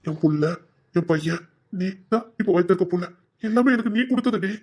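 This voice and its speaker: A man's voice: sits high, fairly quick, darkish tone. A man with a Tirunelveli Tamil accent playing a remorseful young husband who tenderly coaxes his pregnant wife in a domestic drama. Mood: devoted. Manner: tender, pleading, coaxing. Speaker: actor in a web series. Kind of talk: emotional domestic drama acting.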